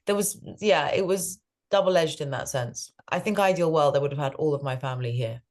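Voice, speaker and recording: Speaking fairly quickly in a low, slightly mellow voice, a woman guest who specialises in behaviour change gives conversational interview answers. Raised between the US and the UK with Farsi as her first language, she sounds thoughtful and often self-corrects.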